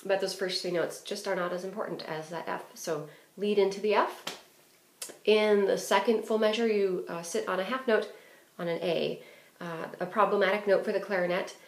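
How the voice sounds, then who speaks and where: Phrasing and fingerings are explained practically by a woman teaching a clarinet lesson, her medium-pitched voice steady and moderately paced. She uses frequent fillers, and the recording has a roomy echo.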